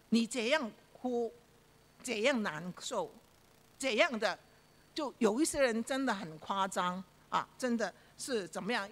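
A woman preaching a sermon, telling a story with rhetorical questions to her listeners and frequent fillers. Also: fairly high pitch. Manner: frequent fillers and repeated phrases.

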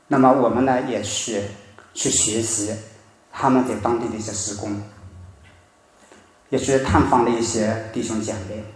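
Preaching man in an echoey hall. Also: fairly low pitch. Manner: storytelling, emphatic rises then soft drops. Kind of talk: sermon. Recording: very echoey room.

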